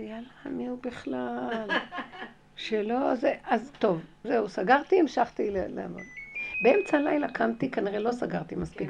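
A woman giving a spiritual lesson through a personal story, animated and emphatic, re-enacting her own conversations and repeating key phrases. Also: fairly high pitch, creaky.

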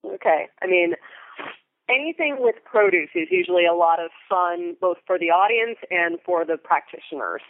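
A woman who works as a Foley artist tells stories as an interview guest, casual, enthusiastic and descriptive. Her voice is on the low side and expressive at a normal speed, coming through a tinny, narrow phone or remote-call line with no echo.

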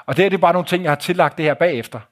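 Male storyteller, live talk, blunt and vivid, cursing, slightly high voice. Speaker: speaker telling a travel story.

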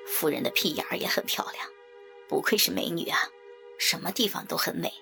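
A woman doing a sly gravelly shopkeeper man. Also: lowish voice, brisk, sharp tone, soft background music, voice pushed down. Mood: leering. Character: sly leering middle-aged male shopkeeper.

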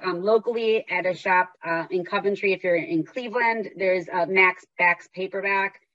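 A woman speaking candidly in a conversation, telling personal stories in a lively, animated way. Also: medium pitch, dry recording. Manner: lively, animated, acts out inner voices. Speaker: guest author and recovery worker. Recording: dull, dry lo-fi sound.

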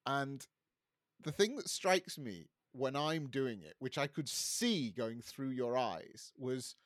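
A man's voice: mid-range voice, big pitch swings, slow, dry recording, studio quality. A man co-hosting a podcast in casual chat, self-deprecating and rambling with restarts, over a cheap webcam on a video call. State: recovering from a bug. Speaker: podcast co-host.

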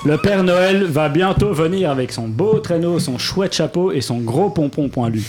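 A man's voice: fairly high pitch, animated, moderate pace, a little mellow, a little hiss or hum. A man telling a comic story as a columnist on a radio show, mock-solemn and prone to giggling.

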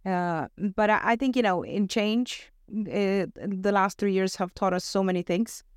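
A middle-aged woman from Venezuela speaks with an American accent as a podcast guest. Her voice is smooth and clear, and it sits dry and close to the mic. She sounds upbeat and thoughtful in casual talk. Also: medium pitch, measured pace, no echo. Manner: upbeat, thoughtful, frequent "you know" and "right?". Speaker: podcast guest, talent acquisition director. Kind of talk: casual interview chat.

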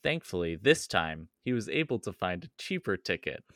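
Low-voiced laughing podcast host. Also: male voice, normal speed, no echo, clean studio sound. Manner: laughs easily, animated riffs. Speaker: podcast host and story narrator. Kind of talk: casual chat and read story narration.

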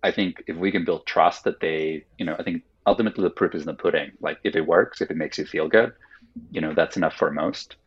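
Speaking quickly in a deep, husky voice, this Finnish-speaking company founder is a guest on a casual podcast interview. He works through his thinking in a thoughtful, roundabout way, explaining at length and peppering it with "like." The audio comes across dull and lo-fi.

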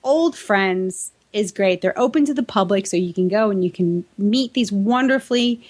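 This woman from New England co-hosts a podcast, bantering casually in a chatty, playful, teasing way. Her American-accented voice sits at medium pitch and sounds a little mellow.

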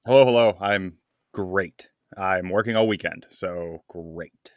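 A man co-hosting a podcast in casual chat, rambling and wry with halting restarts. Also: low voice. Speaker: podcast co-host.

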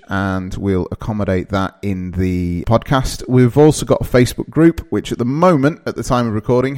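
With a lowish, slightly mellow voice, a thirty-something man from northeast England introduces his podcast. His northern English accent comes through as he talks loosely, frequently filling gaps and restarting sentences.

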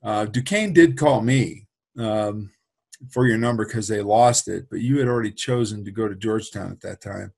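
Middle-aged guy, gravelly husky voice, chatty trainer rambling thru a story. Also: lowish voice, normal speed, darkish tone. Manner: rambling, with many restarts and asides. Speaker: football trainer and program host. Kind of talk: casual storytelling interview.

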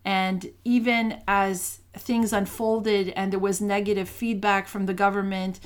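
A woman's voice: mid-range voice, level tone, unhurried. Earnest woman telling a faith story. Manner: earnest, storytelling, many restarts. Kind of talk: casual faith talk with personal story.

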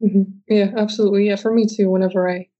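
A woman's voice: medium pitch, level tone, fast, muffled recording. A woman hosting a podcast interview, encouraging her guest with frequent murmured agreement. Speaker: podcast host.

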